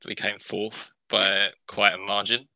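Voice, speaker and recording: Very bright, low-voiced man discussing sport. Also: little pitch movement, a little slow, vocal fry, no room sound, highs cut off. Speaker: podcast co-host. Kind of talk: casual sports analysis.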